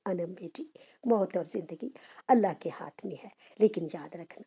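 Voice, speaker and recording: A woman voicing a frail, gentle elderly mother who speaks softly and weakly. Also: on the low side, moderate pace, creaky, slightly rough, muffled recording, exaggerated voice. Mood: tender. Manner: soft, weak, tender.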